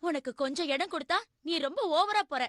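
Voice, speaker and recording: High-voiced nagging cartoon mother. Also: a little fast, fairly bright tone. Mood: stern. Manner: nagging and stern. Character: strict young mother, nagging but loving. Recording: cartoon dub with faint music.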